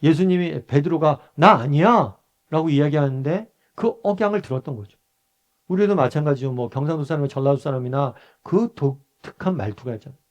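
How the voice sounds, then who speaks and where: A man's voice: on the high side, fairly quick, warm tone, highs cut off. A male pastor from Busan teaches a Bible study in a conversational way. He asks the group questions, answers them himself, and acts out short quoted lines in a raised voice. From Busan, South Korea.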